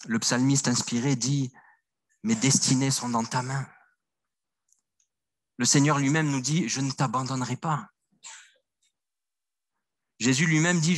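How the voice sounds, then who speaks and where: A man's voice: medium pitch, steady tone, unhurried, pauses often, no room sound. A middle-aged man with a French accent preaching a sermon as pastor, earnest, often repeating phrases and restarting words.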